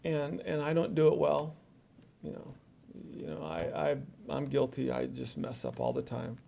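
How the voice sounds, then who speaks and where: High-voiced gravelly man joking at a reception. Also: level tone, moderate pace, warm tone. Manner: joking, self-deprecating, repeats words. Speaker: award speaker. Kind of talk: speech at a reception. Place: reception hall with audience.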